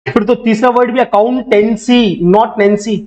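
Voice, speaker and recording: A man's voice: very high voice, level tone, normal speed, a little mellow. A man teaching accounting to a classroom, drilling students with repeated questions and teasing them when they don't know. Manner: teasing, scolding banter with the class. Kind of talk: classroom lecture.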